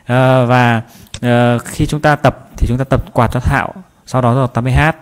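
A man from Vietnam teaching a guitar lesson, patiently calling out strum patterns and repeating them slowly. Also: mid-range voice, fairly even intonation, clean tone. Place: guitar class room.

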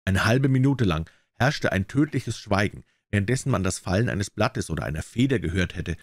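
A man reading a classic tale aloud as an audiobook narrator, with expressive storytelling. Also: on the low side, fairly quick, no room sound, studio quality. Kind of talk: scripted narration.

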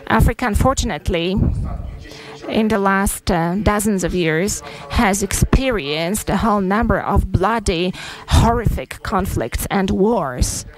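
A woman interpreting a press statement live into English, halting with frequent pauses and fillers. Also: medium pitch, rough recording.

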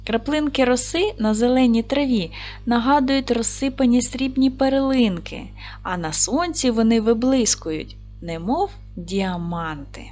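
A woman's voice: a little high, a little mellow, faint music behind. Patient woman teaching young children. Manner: asks questions, pauses, then answers them herself; slow, careful, clearly spelled-out speech. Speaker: primary school teacher. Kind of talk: video lesson for young children.

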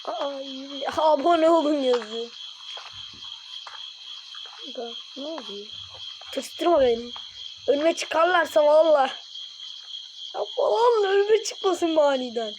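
A woman giving excitable, slangy reaction commentary as a YouTuber, yelping whenever something scares her. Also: sits high, slow, long pauses. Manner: excitable, jumpy and slangy, yelps when scared. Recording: loud background noise.

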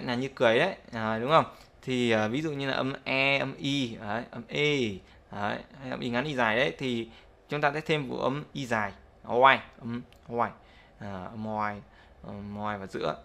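A man's voice: mid-range voice, gravelly, a bit bright. A man teaching English pronunciation in a casual spoken lesson, explaining step by step and often checking that viewers follow.

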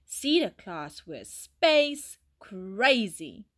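A woman teacher reading a children's storybook aloud, expressive, slow and clear. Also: medium pitch.

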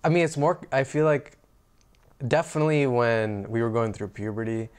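A man as a podcast guest in relaxed casual chat, using lots of fillers and laughing along. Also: mid-range voice, normal speed, clear, resonant tone.

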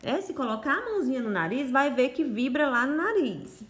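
Lively, sing-song Brazilian woman teacher. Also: high-pitched, echoey room. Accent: Brazilian Portuguese. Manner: sing-song, coaxing teacher voice with drawn-out letter sounds. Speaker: primary school teacher. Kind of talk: recorded phonics lesson for children. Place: home room. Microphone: phone or home camera, voice only.

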